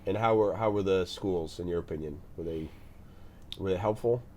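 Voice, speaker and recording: A man hosting an interview podcast, asking questions in a halting way and often repeating his words. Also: low-pitched, a little mellow. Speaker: podcast host, state senator.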